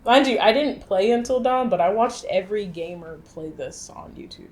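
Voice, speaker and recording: Co-hosting a film review show, this woman talks casually with strong opinions, her speech animated, slangy, and peppered with some swearing. Her pitch is medium and her speed normal.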